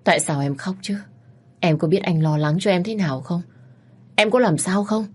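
A woman's voice: on the low side, moderate pace, slightly rough. A woman reading as a worried devoted boyfriend. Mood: anxious. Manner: urgent, pleading questions. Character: young man, devoted worried boyfriend, company director.

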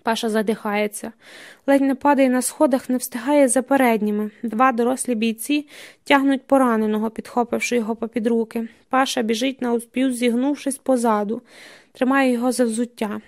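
A woman reading literary prose aloud, steady and measured with tense dramatic emphasis. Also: on the high side. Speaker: audiobook narrator. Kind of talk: scripted literary narration.

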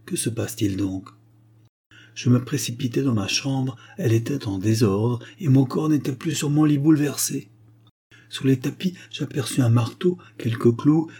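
A man narrating a literary story as an audiobook, expressive and rising with emotion, with a husky voice. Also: lowish voice. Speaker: audiobook reader.

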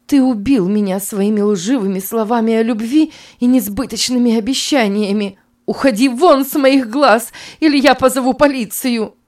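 A woman's voice: mid-range voice, measured pace, warm tone, far from the mic, voice pushed up, close to an everyday voice. A woman voicing a young wronged woman who sharply accuses her deceitful lover, in a read-aloud story. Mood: indignant. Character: young wronged woman, fierce and cold with a liar.

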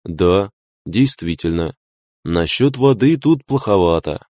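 A calm, learned engineer in a storybook reading, speaking firmly and evenly in a low voice, as a man puts him on. The sound is dry and close. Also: slow pace, no echo.

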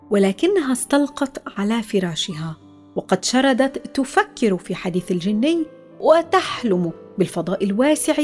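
A woman narrating a children's story in an expressive, dramatic way. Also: on the high side.

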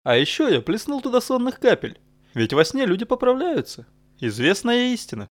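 A man's voice: very high-pitched, wildly swooping pitch, normal speed, pitched above the performer's own voice, full character voice. A man voicing a sly, fatherly older servant with a raised, chatty voice.

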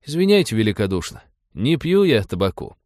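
A man's voice: medium pitch, sing-song, fairly quick, darkish tone, dry recording, lightly acted. Wry, unflappable peasant cossack, dry retorts, read by a male narrator. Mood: polite. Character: wry grown peasant man turned cossack, calm.

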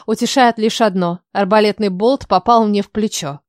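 A woman's voice: medium pitch, steady tone, normal speed, no room sound, clean studio sound. A woman narrating a first-person audiobook in a wry, ironic manner.

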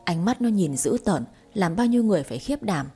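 A woman narrating a story in a steady, even reading voice. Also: medium pitch, a little fast, breathy edge, soft background music.

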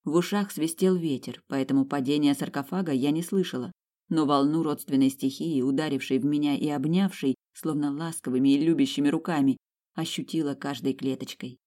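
Expressive first-person audiobook narrator. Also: mid-range voice, a little fast.

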